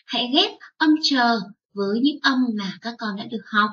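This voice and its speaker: A woman teaching young children, spelling out sounds slowly and drawing out each syllable. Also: on the high side, sharp tone, recorded from a distance, dull audio. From Vietnam. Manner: slow, drawn-out spelling aloud. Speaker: first-grade teacher.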